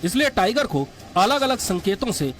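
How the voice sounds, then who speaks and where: A man's voice: sits high, sing-song, normal speed, fairly bright tone. A man reading scripted documentary narration as the narrator. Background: music.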